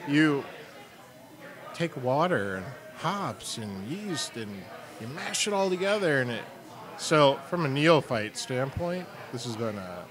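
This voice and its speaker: A man's voice: medium pitch, a bit bright. A middle-aged man co-hosting a beer show in a studio, cracking self-deprecating jokes and laughing often. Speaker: co-host, sales and marketing. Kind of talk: casual comedic chat.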